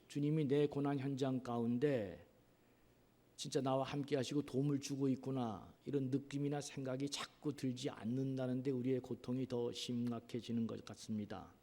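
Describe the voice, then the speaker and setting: A man preaching a sermon as pastor, earnest, asking rhetorical questions and pausing on drawn-out fillers. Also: mid-range voice, mellow. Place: church sanctuary. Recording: long reverb of a church hall.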